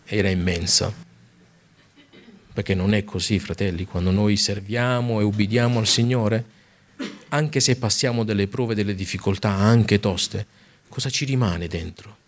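A man preaching a sermon in an earnest manner, reading scripture aloud and speaking directly to his congregation, stretching out key words for emphasis. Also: fairly low pitch.

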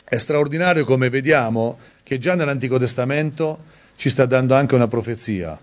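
Emphatic Italian-speaking man preaching. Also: normal speed. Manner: emphatic, rising to high-pitched stress on key words; conversational asides, reads scripture aloud. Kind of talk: sermon.

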